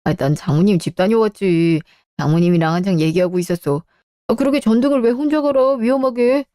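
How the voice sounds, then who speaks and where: A woman's voice: mid-range voice, brisk, warm tone, no room sound, clean studio sound, lightly acted. A woman playing a whiny, defensive grown son. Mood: worried. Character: grumbling adult son, a stressed civil servant. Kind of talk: Korean radio drama acting.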